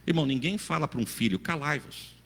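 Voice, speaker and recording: Fervent preacher. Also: male voice, on the high side, animated, fairly quick, breathy edge, in a large hall. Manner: fervent, folksy preaching with swings from loud to quiet. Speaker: pastor. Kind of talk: sermon.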